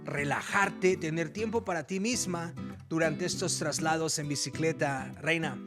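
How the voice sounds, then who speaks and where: A man's voice: a little high, a little slow. A man hosting a community news segment and interviewing a guest in a friendly way. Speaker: news host. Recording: guitar music underneath.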